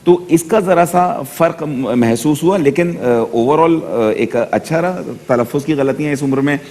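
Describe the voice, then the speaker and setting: A man judging a speech contest, giving measured advice with many hesitant pauses. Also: on the high side, a little mellow. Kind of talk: critique on a studio panel. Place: TV studio. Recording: reverberant studio hall.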